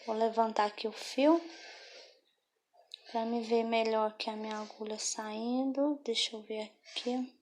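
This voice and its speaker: A woman's voice: fairly high pitch, steady tone, measured pace, darkish tone. A woman giving a patient step-by-step craft tutorial, often checking in with the viewer. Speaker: craft instructor.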